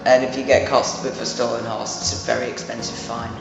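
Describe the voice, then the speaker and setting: A man casually narrating a tabletop role-playing game as game master, improvising in a halting, repetitive way. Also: medium pitch, level tone, creaky. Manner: halting, repeats phrases as he improvises. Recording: muffled, very echoey room, music behind.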